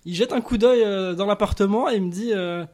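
A man in his mid-thirties with a notably high voice tells an anecdote on a podcast. He talks casually, pausing with fillers as he builds the story. The tone is relaxed and conversational. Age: 30s. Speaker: contestant. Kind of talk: casual chat.

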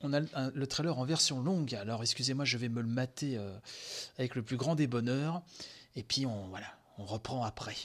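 A man hosting a podcast, reacting live to a game conference, excitable and gushing, with many fillers and sighs, tired from sleepless nights. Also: mid-range voice, a little fast. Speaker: podcast host.

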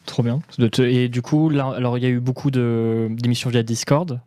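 A man from France hosting a casual chat show, joking and making nervous quick asides. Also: mid-range voice, fairly even intonation, dark tone, dry recording. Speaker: host.

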